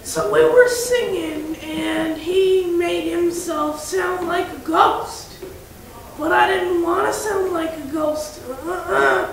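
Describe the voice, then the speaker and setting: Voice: extremely high pitch, takes it slowly, full character voice. A performer voicing a cheeky, rebellious young lion who mocks his teacher and talks back. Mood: chatty. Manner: defiant, mocking, chatty. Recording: very echoey room, mic far off, faint hiss.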